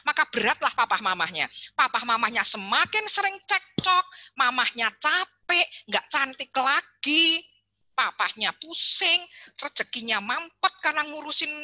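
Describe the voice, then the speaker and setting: A woman giving an online parenting seminar, chatty and lively, calling on parents by name over a video call. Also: on the high side, no echo. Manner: lively, chatty, addresses parents and reads chat names.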